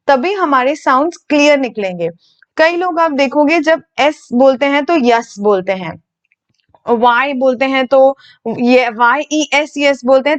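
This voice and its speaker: Woman from India, high voice, patient step-by-step teacher, slightly dull lo-fi recording. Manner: patient, explains step by step and asks the viewer questions. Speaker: English and phonetics teacher. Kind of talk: video lesson, mixing Hindi and English.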